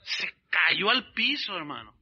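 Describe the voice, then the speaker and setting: A male pastor with a high, very bright voice and a husky edge, preaching with animated storytelling. He keeps turning to his listeners as brothers. The sound is dull and lo-fi, like an old radio broadcast. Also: a little slow. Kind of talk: sermon.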